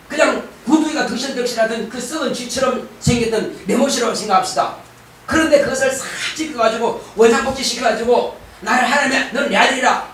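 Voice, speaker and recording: A man's voice: very high-pitched, fairly bright tone, slight background noise. A middle-aged man preaching a sermon as pastor, emphatic and calling for responses from the congregation. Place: church sanctuary. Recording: very echoey church hall, distant mic.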